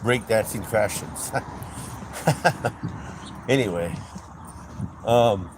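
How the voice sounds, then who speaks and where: A man's voice: on the low side, drawn-out words. A middle-aged man on a livestream, chatting in a rambling, casual way as he tells stories and points out sights while driving through town. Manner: rambling, chatty, with frequent "anyway" and "um". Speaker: livestream host. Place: in a car on city streets. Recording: street traffic noise. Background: traffic and city ambience.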